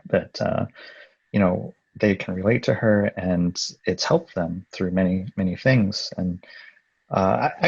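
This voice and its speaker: Gravelly soft-spoken man, halting. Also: low voice, no room sound, lo-fi sound. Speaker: supervising animator. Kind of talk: panel answer.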